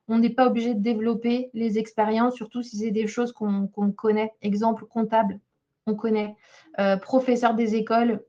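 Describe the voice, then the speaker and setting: A woman's voice: a little high, darkish tone. A woman job coach giving a webinar talk while reviewing a CV, hesitant, with many fillers and restarts. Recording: slightly dull lo-fi sound.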